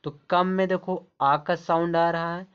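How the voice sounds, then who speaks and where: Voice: mid-range voice, steady tone, a little slow, clean tone, dull audio. A teacher giving a step-by-step explanation to camera. The teacher keeps repeating points and asks rhetorical questions, then answers them. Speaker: English teacher. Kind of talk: classroom-style explanation to camera.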